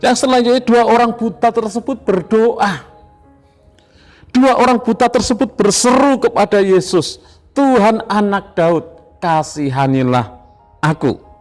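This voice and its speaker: A man with an Indonesian accent preaching an evening devotional sermon, slow and emphatic, repeating phrases. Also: sits high, lively intonation, darkish tone, soft background music. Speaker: pastor.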